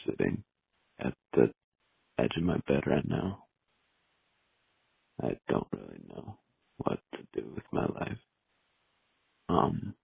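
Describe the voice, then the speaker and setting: A man leaving a quiet, halting phone message, speaking in a subdued way with long pauses. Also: very deep voice, vocal fry, husky, dry recording. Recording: tinny phone line.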